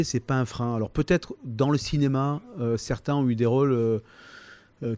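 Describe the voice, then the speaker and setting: A man in his fifties with a Provençal accent, answering interview questions in a halting way, full of fillers and restarts. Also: mid-range voice, dark tone. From southern France, Toulon. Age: 50s. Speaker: comedian, interview guest.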